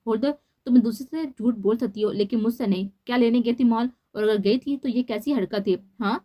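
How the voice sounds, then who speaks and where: A woman's voice: mid-range voice, brisk, natural voice. A woman reading the lines of a stern, possessive young husband in a storybook novel, harsh and scolding. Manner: harsh, scolding, then softly coaxing.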